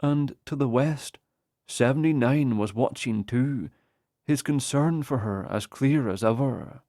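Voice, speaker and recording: Slow, measured male audiobook narrator. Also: medium pitch, warm tone, no room sound, clean studio sound. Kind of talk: first-person audiobook narration.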